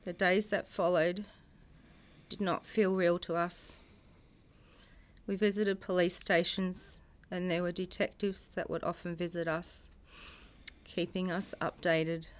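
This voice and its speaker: A middle-aged woman, a bereaved mother reading a prepared personal statement in a solemn, measured way, in grief. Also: on the low side, flat delivery. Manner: solemn, measured delivery in short phrases. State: grieving.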